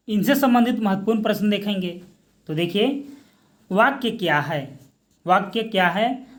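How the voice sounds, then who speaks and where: Man, high-pitched voice, grammar lesson, asks and answers his own questions, slips in English words. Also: a bit bright. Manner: mixes English words into Hindi. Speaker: Hindi grammar teacher. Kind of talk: exam-prep grammar lecture.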